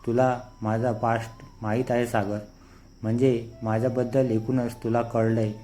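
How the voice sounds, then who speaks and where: A proud, sensitive young woman who teaches dance, as a male storyteller reads her part. The lines come slow and measured, with little rise and fall. The tone is dark and mellow, and faint music plays underneath. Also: mid-range voice, level tone, lightly acted. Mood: earnest.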